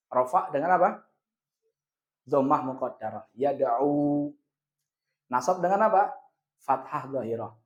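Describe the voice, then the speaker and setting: A man with an Indonesian accent teaching a grammar lesson, asking questions and answering them himself, and drawing out the example words slowly. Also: a little high. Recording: echoey room, dull lo-fi sound.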